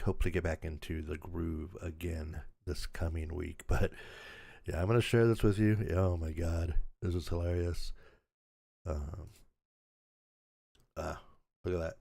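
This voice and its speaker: An older man chats through a livestream in a deep, low voice with a gravelly crackle, still raspy from a sore throat. He rambles along in an easygoing way, and the sound is dry and close with no room echo. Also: fairly even intonation, unhurried, long pauses, warm tone. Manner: rambling, easygoing, laughs at himself. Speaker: channel host. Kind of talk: casual livestream chat.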